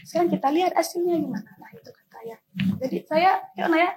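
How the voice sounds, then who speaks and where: High-voiced earnest young woman, tearful. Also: fast, crowd noise, rough recording. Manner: earnest, tearful, addresses the interviewer often. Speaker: interviewee, student. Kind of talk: emotional personal storytelling.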